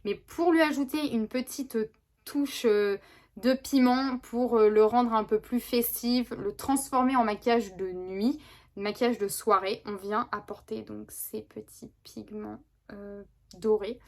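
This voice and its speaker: A woman's voice: fairly high pitch, a little slow. A woman talking casually through a makeup tutorial, chatty and rambling with many fillers and restarts. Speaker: beauty vlogger. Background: neighbor's lawnmower.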